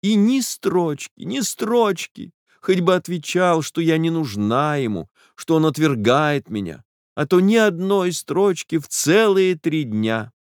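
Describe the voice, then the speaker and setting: A man's voice: mid-range voice, animated, normal speed, no room sound, studio quality, pitched above the performer's own voice, lightly acted. A man reading an audiobook, voicing a heartbroken young woman who pleads through tears with a breaking voice. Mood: pleading. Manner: tearful, imploring, breaking voice. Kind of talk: audiobook character voice.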